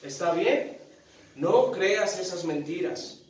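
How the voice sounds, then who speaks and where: A man preaching a sermon to his congregation in an animated, direct way, often asking them questions. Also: sits high, slow pace. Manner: animated, addresses congregation directly, tells a joke story. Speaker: pastor. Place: large church hall. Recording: very echoey church hall, mic at a distance.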